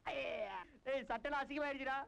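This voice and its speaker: An actor playing a flustered young bachelor who pleads and shouts at his friends, in a Tamil film comedy. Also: very high-pitched, a little fast, vocal fry, full character voice. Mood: panicked. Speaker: bachelor stuck with an abandoned baby.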